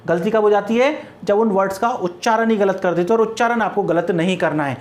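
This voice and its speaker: A man's voice: high-pitched, brisk. A male teacher walks his class through a grammar rule. He spells words letter by letter and keeps asking rhetorical questions before answering them himself. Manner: drills students with repeated rhetorical questions.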